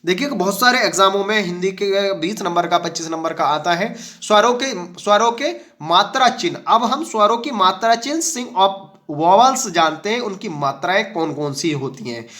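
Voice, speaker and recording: Bright high-voiced male teacher, repeating. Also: lively intonation, moderate pace, few pauses. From India. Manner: repeats questions to the class and answers them. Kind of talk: exam-prep lesson.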